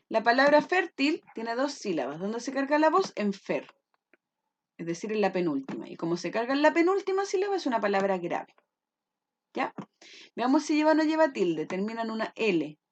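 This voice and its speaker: A woman's voice: medium pitch, very animated, brisk, lo-fi sound, slight background noise. A woman teacher explaining a lesson patiently, often checking that her pupils follow. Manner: patient, checks understanding with frequent "¿ya?".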